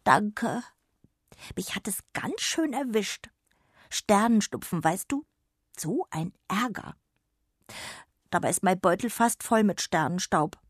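A woman's voice: medium pitch, husky, dry recording, clean studio sound, pitched above the performer's own voice. A woman voicing a small, feverish, sleepy fairy in a children's radio story. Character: small sick sniffly female star fairy.

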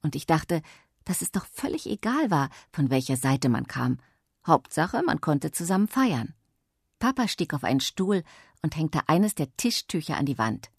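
A woman narrating a children's audiobook in the first person, calm and clear, close to the mic. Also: deep voice, moderate pace, no echo.

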